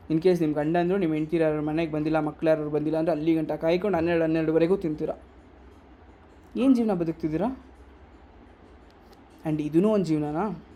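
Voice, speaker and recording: Mellow scolding man, rhetorical questions. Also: fairly high pitch. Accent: Kannada. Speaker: workshop speaker. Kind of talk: motivational workshop talk.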